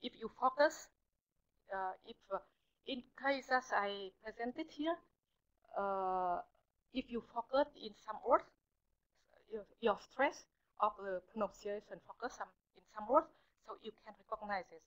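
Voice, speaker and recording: A woman's voice: mid-range voice, a bit bright. Hesitant Vietnamese-accented woman researcher. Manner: hesitant, halting, often restarting to search for words. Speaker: visiting researcher presenting. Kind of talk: answering audience questions after a talk. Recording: muffled lecture recording.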